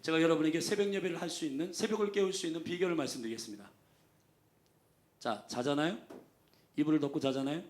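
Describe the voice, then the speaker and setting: A male pastor preaching a Sunday sermon, emphatic, calling for amens, swinging between loud exclamations and soft asides. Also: fairly high pitch. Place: church sanctuary. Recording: echoey church sanctuary.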